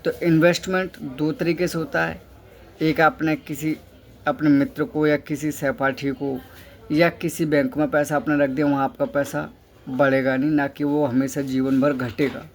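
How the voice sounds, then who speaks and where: A man's voice: fairly high pitch, little pitch movement, normal speed. A man giving a motivational talk, instructing listeners step by step, asking questions and answering them himself, and repeating key phrases for emphasis. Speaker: motivational speaker.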